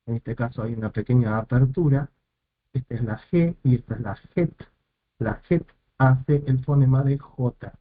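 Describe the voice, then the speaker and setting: A man teaching a lesson step by step, slow and methodical, repeating each term as he goes. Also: medium pitch. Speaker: Hebrew teacher. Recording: tinny phone-like sound.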